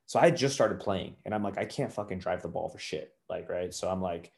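A young man telling golf stories in relaxed casual chat, swearing often and saying "dude" a lot. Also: low voice, fairly quick, gravelly.

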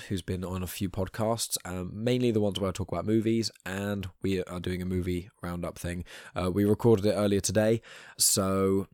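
A British man with a deep, croaky voice talks as a podcast host in a hushed, low-key way. His delivery is quick and casual, rambling along informally. The sound is close and dry. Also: no room sound.

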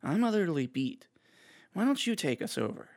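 A man's voice: very animated, normal speed. A man voicing a worn-out young woman who speaks in a tired, dry way. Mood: weary. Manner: tired, low-key and dry.

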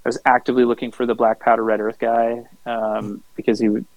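Gravelly-voiced laid-back podcast guy. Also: medium pitch, level tone, fast talker, darkish tone, dry recording, muffled recording. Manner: rambling, laid-back, swears freely with many fillers. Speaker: podcast co-host. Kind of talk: casual storytelling chat.

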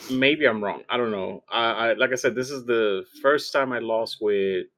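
A man chatting casually about a game, explaining rules haltingly and correcting himself as he goes. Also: medium pitch, a bit bright. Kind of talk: casual game analysis chat.

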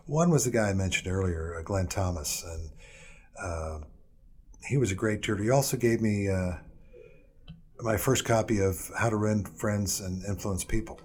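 Interview guest, middle-aged man, lowish voice, meandering and hesitant storyteller. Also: moderate pace, a little mellow, husky. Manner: rambling, hesitant, many fillers and restarts.

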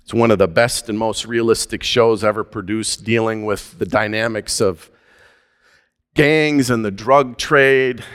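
A man preaching a sermon as pastor, measured and deliberate, with slow emphatic phrases. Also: medium pitch, fairly bright tone, clean tone, in a large hall.

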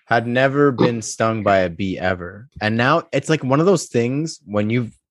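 A man in his late twenties hosting a casual group chat, joking and quick, laughing often. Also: medium pitch, no echo. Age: late 20s. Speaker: podcast host.

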